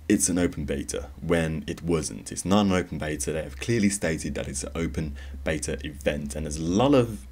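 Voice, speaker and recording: A man's voice: very deep voice, darkish tone. A young man hosting a solo gaming podcast, talking in a rambling, conversational way with plenty of fillers and restarts. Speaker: podcast host.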